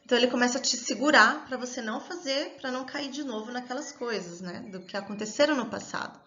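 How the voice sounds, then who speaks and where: A woman giving a calm, explanatory self-development lesson, often checking in with a questioning tag. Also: a little high, fast talker, muffled recording. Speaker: course teacher.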